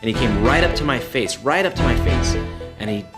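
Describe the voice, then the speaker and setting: A man's voice: medium pitch, lively intonation, natural voice. An actor playing a shy, prickly man in a support group who stammers and turns defensive. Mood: haunted. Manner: halting, stammering storyteller, defensive. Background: loud music.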